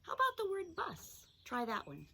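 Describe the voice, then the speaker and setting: A woman teacher giving a children's phonics lesson, speaking in slow, clear, sing-song instructions. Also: extremely high pitch, huge pitch swings, sharp tone, slight background noise.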